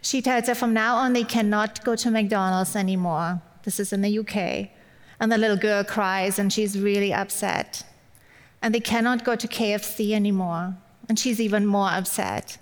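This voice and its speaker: A German woman in her forties with a German accent delivers a chatty, encouraging Mother's Day sermon as a guest speaker. Her voice is medium-pitched and steady at normal speed, with long hall reverb on the recording.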